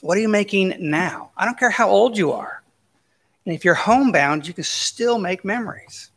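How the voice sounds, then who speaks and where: Pastor, male, slightly high voice, relaxed storytelling sermon, long church reverb. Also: moderate pace, gravelly, husky. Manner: folksy, anecdotal storytelling with casual asides. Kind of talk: conversational sermon. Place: church sanctuary.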